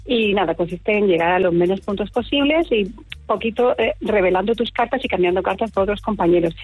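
A woman from Murcia calling in to a radio show, chatting quickly and a little nervously. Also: medium pitch, breathy edge, no echo, faint music behind. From Murcia, Spain. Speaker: radio caller. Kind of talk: phone-in chat. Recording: muffled phone-in line.

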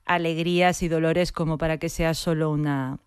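A woman playwright answering interview questions thoughtfully, pausing and restarting her phrases. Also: sits low, little pitch movement, clear, resonant tone, dry recording, studio quality. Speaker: playwright guest. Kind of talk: radio interview.

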